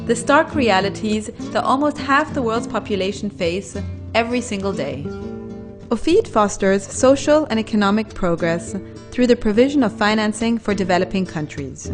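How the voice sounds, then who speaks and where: A woman in her twenties giving scripted narration for an organization, in a measured, even delivery. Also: medium pitch. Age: 20s.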